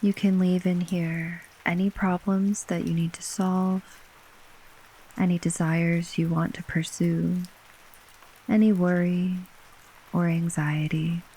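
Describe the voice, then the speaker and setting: Woman, sleep story narration, soothing, slightly low voice, very steady intonation, unhurried phrasing, rain ambience. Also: slightly rough, low-quality recording. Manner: gentle, unhurried, with long pauses between short phrases. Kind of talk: slow, soothing bedtime relaxation narration. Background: rain falling.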